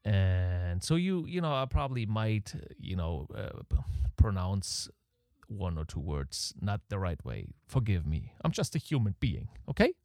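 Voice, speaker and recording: Low, a little mellow and a little slow but very animated, this German-accented man hosts a casual podcast alone from his home setup in Canada. He rambles, is opinionated and self-deprecating, and his breathing is audible on a close podcast microphone. The sound is clean studio quality with no echo.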